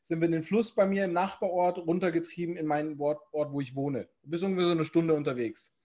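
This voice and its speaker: A man's voice: a little high, steady tone, fast talker, mellow. A man chatting casually on a podcast, rambling with lots of fillers and restarts. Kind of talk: casual chat.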